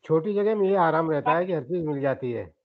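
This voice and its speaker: A man student speaking politely and deferentially to his teacher in an online class. His voice is slightly high. The sound is dull and lo-fi, as over a video call. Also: animated, fairly quick. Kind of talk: casual chat in an online class.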